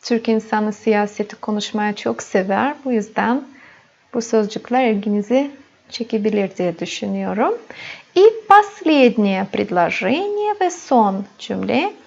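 A woman teaching a language lesson, repeating words slowly and addressing her students as friends. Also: medium pitch, animated, gravelly, darkish tone. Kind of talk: slow classroom explanation. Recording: dull lo-fi recording.

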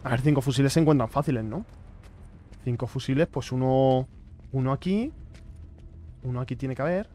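Talking at a normal pace with frequent pauses, a young man with a mellow, medium-pitched voice gives chatty commentary on a horror game. Nerves show as he addresses viewers and repeats himself when scared.

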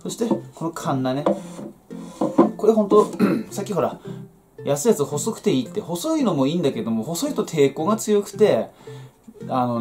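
A man whose voice is fairly high but dark in tone demonstrates home vegetable growing, talking casually and folksily while his hands work. His small, cluttered indoor shed or workroom has plucked guitar music in the background.

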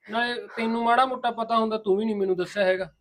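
A man's voice: high voice, steady tone, very fast, fairly bright tone, a little hiss or hum. An actor playing an older, protective father-in-law who reassures his daughter-in-law and scolds his son. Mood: reassuring. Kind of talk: village family drama acting.

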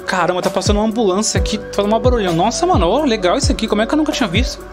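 A man with a Brazilian Portuguese accent giving chatty, excitable gameplay commentary to his viewers. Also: sits high, racing, over music. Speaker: gaming channel host. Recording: loud car and game sounds behind.

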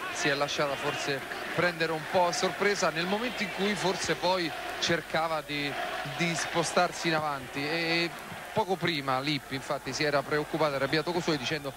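A man reports live from the side of a football pitch. His voice sits a little high. Very loud stadium noise surrounds him. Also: normal speed, a loud crowd. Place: outdoors beside a stadium pitch.

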